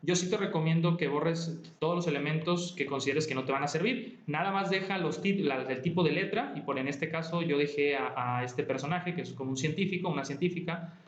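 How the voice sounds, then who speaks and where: A man guiding a student step by step through a screen-recorded software tutorial, patient and often correcting himself. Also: a little high, a little fast, hardly any pauses. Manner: patient, step-by-step, talks to the viewer as "tú", frequent self-corrections. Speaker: online tutor. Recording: roomy, dull lo-fi sound.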